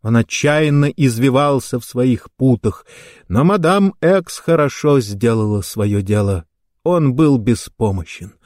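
A man reading a story aloud in slow, measured narration. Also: mid-range voice, animated, darkish tone, no echo, clean studio sound. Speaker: audiobook narrator.

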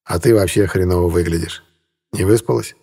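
A man's voice: low-pitched, brisk, gravelly, mellow, slightly rough, full character voice. A man voicing a smug, pushy lawyer who talks in a mocking, overly familiar way.

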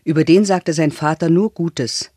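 A man calmly reading a novel aloud as narrator, in a measured way. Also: a little high, slightly rough, no room sound, studio quality. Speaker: audiobook reader.

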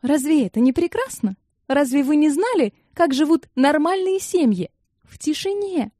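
A woman reading an audiobook, voicing a fed-up teenage girl who yells at her family. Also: sits high, very animated, normal speed, no echo, studio quality, pitched above the performer's own voice. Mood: exasperated. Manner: shouting, exasperated.

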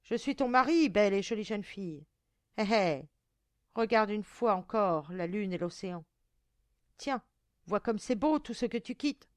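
A woman reading a story aloud and voicing a cruel, damned male goblin monster with a shrill, cracked voice and a loud, taunting way of speaking. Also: expressive, measured pace, dry recording, clean studio sound, close to an everyday voice. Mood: gloating.

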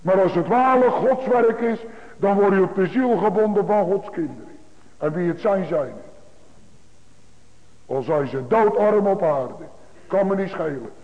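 A man preaches to his congregation in a high, insistent voice, hammering home his points through repetition. The sound is thin and phone-like, and a long reverb trails each phrase through the church. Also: expressive, a little slow, pauses often. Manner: emphatic, repetitive preaching cadence. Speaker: pastor. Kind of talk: sermon. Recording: tinny phone-like broadcast in a large reverberant church.

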